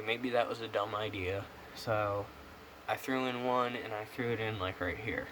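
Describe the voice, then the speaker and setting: A young American man rambling casually in a vlog review, talking with a pouch tucked in his upper lip. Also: fairly low pitch. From United States. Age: young adult. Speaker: product reviewer. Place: small room indoors. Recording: clear background noise on camera mic.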